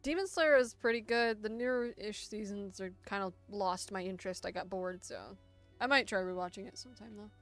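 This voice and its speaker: A woman's voice: mid-range voice, brisk, fairly bright tone, soft background music. Congested young woman chatting on stream. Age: 20s. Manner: chatty, playful, self-mocking. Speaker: artist streaming a Q&A. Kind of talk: casual livestream chat. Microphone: desktop mic.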